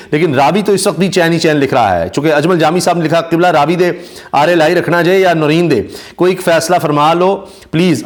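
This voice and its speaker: A man, giving casual spoken commentary on news clips, talking at length with many drawn-out pauses and fillers. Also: high voice. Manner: talkative, frequent "aa" fillers and pauses. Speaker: YouTube commentator.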